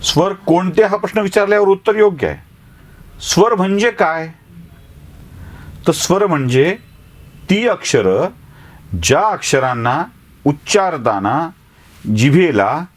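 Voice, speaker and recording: A man teaching a class, who sounds out letters one by one and keeps asking the students rhetorical questions. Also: a little high. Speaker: journalism teacher. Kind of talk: classroom lecture.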